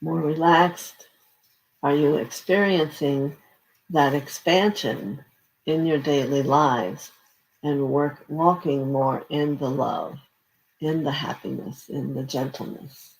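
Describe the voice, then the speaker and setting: A host of unclear sex leading a live guided relaxation session in a gentle, halting, unscripted way with pauses. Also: mid-range voice, fairly even intonation, creaky, low-quality recording. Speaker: spiritual session host leading singing bowl meditation.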